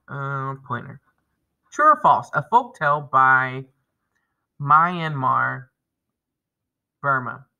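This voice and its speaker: An elementary school teacher in his thirties leads a children's reading lesson, explaining and reading aloud with emphasis. His voice is fairly high, bright, and forceful.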